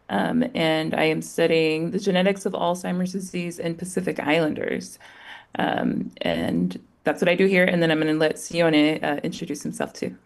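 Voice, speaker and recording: Female researcher guest, lower pitch, polite, measured radio interview tone. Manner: polite, measured, some fillers.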